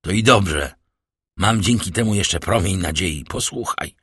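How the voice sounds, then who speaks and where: A man's voice: low-pitched, unhurried, a bit bright, breathy edge, no room sound, clean studio sound, exaggerated voice. A man voicing a cold, scheming middle-aged banker who lectures his daughter with sarcastic irony. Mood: tense menace. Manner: stern, ironic, lecturing. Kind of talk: audiobook character voicing.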